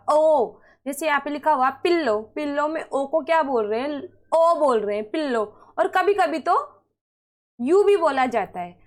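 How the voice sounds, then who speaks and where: A woman teaching English pronunciation in Hindi, patiently asking questions and answering them herself. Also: sits high. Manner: explains patiently and step by step. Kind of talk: Hindi-language English lesson.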